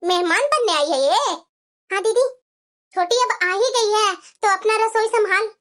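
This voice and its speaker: A woman voicing a bossy, taunting elder sister-in-law in a cartoon, giving sharp orders. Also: very high voice, steady tone, measured pace.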